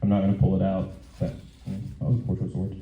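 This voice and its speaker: A man doing stand-up on stage at an open mic, talking in a halting, conversational way and repeating his phrases. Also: deep voice, monotone. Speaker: stand-up comedian. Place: live comedy venue on stage. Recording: echoey room, dull muffled sound.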